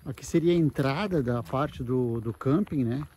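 Here a camping vlogger with a somewhat mellow mid-range voice talks at normal speed while walking through a wooded campground. Holding a mic, he explains things in a laid-back, conversational way and regularly checks in with his audience. Outdoor noise fills the handheld recording.

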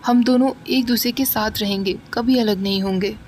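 Quiet, devoted young man in a read-aloud storybook, voiced by a woman narrator, measured and sincere, voice sitting high. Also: fairly even intonation, a little hiss or hum, close to an everyday voice. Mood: earnest.

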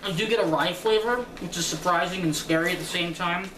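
A man reviewing snack food in a casual vlog, talking with his mouth full while chewing, halting and thinking aloud. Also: high-pitched, recorded from a distance. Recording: roomy, off-mic with clear background noise.

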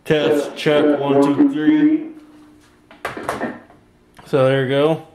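Speaking very slowly in a level tone, a young man with a fairly high voice hosts a casual home vlog demonstration. The audio quality is poor, captured on a handheld camera or phone he holds himself in his bedroom and home workshop.

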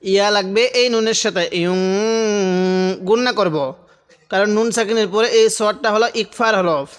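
A man's voice: high voice, moderate pace, fairly bright tone. A man teaching Quran reading, spelling out each letter and syllable, then chanting the verses drawn out. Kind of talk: slow spelled-out Quran recitation lesson.

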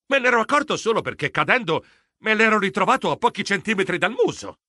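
A man giving animated, expressive narration of a children's audiobook, voicing a flustered mouse hero. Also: sits high, fast talker, no echo, clean studio sound. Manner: expressive, excitable.

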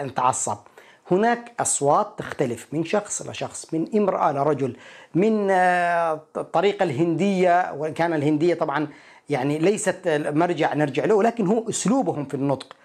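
Quick-talking husky male teacher. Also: fairly high pitch, animated, a little mellow. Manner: explains, repeats each word slowly. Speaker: English teacher. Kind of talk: pronunciation lesson.

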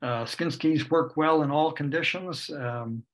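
Over a video call from home, an older Canadian-accented ski instructor presents a webinar, explaining things steadily but with lots of filler words. His voice is on the high side and measured in pace, picked up by a webcam or computer mic.

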